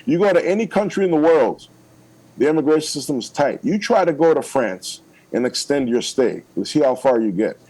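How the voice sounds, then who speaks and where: A man's voice: on the high side, expressive, brisk, warm tone, rough recording. A man, a political candidate, making his case in a radio interview, emphatic and persuasive, checking in with "okay?" again and again.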